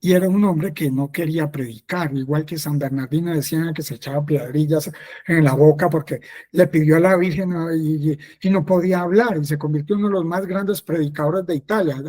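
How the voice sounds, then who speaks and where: A man's voice: fairly high pitch, steady tone, a little fast, dark tone. A man, a friar, telling a personal testimony in a conversational catechesis, repeating phrases and often affirming himself.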